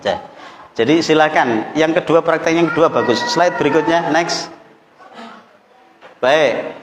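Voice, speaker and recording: A man's voice: fairly high pitch, a little slow, background noise. A man from East Java with a Javanese accent leads a workshop for Quran teachers. He jokes with the group and breaks into melodic chanting to show each tune. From East Java, Indonesia. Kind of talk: workshop lesson with chanted demonstrations. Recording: echoey hall with long reverb.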